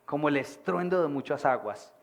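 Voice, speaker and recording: A man's voice: on the high side, moderate pace, vocal fry. A man preaching a sermon to his church, projecting his voice and acting out characters in the stories. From Colombia. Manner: animated, acts out voices of people in stories. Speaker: pastor. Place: church meeting hall.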